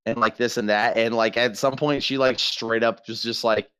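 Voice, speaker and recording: A man's voice: mid-range voice, fairly even intonation, normal speed, bright, forceful tone, clean tone, no room sound. Rambling, stammering male podcast host. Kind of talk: casual livestream chat. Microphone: online voice call.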